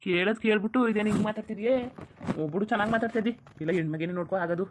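A woman voicing a young village husband in a cartoon, teasing in rapid banter. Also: mid-range voice, noisy background, lightly acted. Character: young village husband, joking then fretful. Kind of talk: cartoon voice acting.

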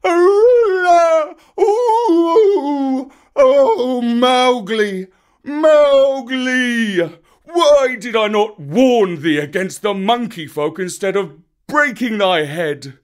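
A man's voice: sits high, a little slow, hardly any pauses, a bit bright, voice pushed up. A man voicing an old male bear teacher who pants and wails melodramatically in despair. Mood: wailing. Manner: wailing, panting, melodramatic.

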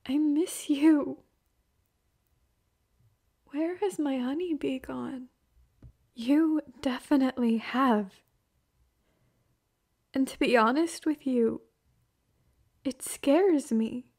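A young woman performs an ASMR roleplay as a hurt, heartbroken girlfriend, delivering an emotional, halting monologue in a high voice with a darkish tone.

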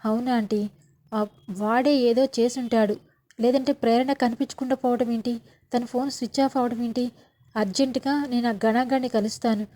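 A woman's voice: fairly high pitch, steady tone, normal speed, mellow, lightly acted. A woman voicing an angry young man who accuses another man of hiding a missing girl. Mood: urgent. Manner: accusing, demanding.

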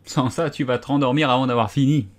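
A man's voice: mid-range voice, fairly even intonation, fast talker, natural voice. A man voicing a smug, rude male hatter in a storybook, bossy and fond of quibbles.

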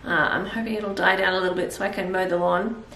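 Speaking quickly in a lowish, gravelly voice with a fairly bright tone and fairly even intonation, this Australian woman in her thirties chats through a cook-along vlog at home. She rambles and thinks aloud, fillers and all. A camera mic several feet off catches her distantly amid the kitchen's echo.

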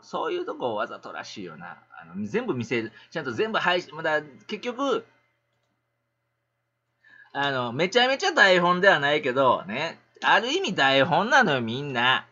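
Animated, ranting Kansai man. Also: fairly high pitch, normal speed, slightly rough, lo-fi sound. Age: middle-aged. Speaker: livestreamer. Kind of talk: casual livestream chat.

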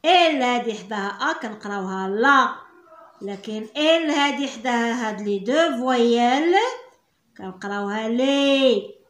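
A woman's voice: a little high, measured pace, a bit bright. A woman with a Moroccan Arabic accent teaching French reading, drawing out syllables and patiently repeating sounds. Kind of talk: slow spelled-out reading lesson. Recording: echoey room.

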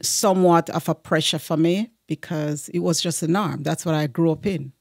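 A woman from Jamaica with a Jamaican accent, a guest on a podcast who speaks softly and laughs often. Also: sits low, steady tone, moderate pace, vocal fry, dry recording, clean studio sound. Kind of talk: casual interview.

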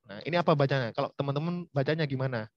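A man's voice: mid-range voice, rapid-fire, no room sound. A man teaching a university lecture online, chatty and speaking straight to his students. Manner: chatty, addresses students directly. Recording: dull, lo-fi.

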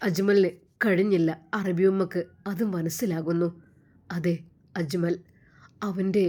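A woman narrating a moral story in a dramatic, emotive storytelling manner. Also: fairly low pitch.

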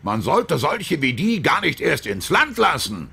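A man voicing an angry, hostile male bus passenger who shouts, in a raised, strained voice. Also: fairly high pitch, huge pitch swings, unhurried, creaky, husky, pitched above the performer's own voice, exaggerated voice.

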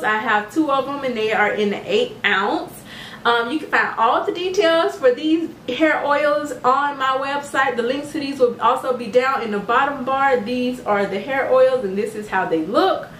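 A woman's voice: on the high side, distant mic, slight background noise. Bubbly woman showing off her skincare products. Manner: bubbly, excitable, addresses viewers as "you guys". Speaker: skincare business owner and vlogger. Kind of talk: casual product showcase vlog. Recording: echoey room, voice a bit off-mic.

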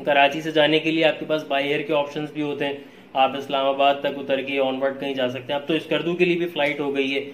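A man's voice: a little high, flat delivery, a little fast, a bit bright. A man with a Pakistani Urdu accent, talking casually in a travel vlog, easygoing and dropping English phrases with frequent uh fillers. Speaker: travel vlogger. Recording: echoey room with faint background noise.

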